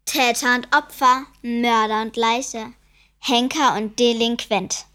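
In a German children's radio play, a woman voices a clever, defiant ten-year-old girl, narrating and speaking dialogue in a dry, wry, precociously wordy way. Her voice is a little high and bright, pushed yet smooth, with fairly even intonation and a slow pace.

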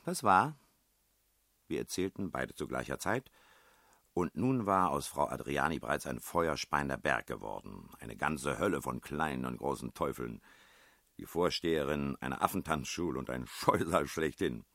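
A man reading a novel aloud in a measured, expressive storytelling manner. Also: extremely low pitch, creaky, no echo, studio quality. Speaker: audiobook reader. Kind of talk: literary narration.

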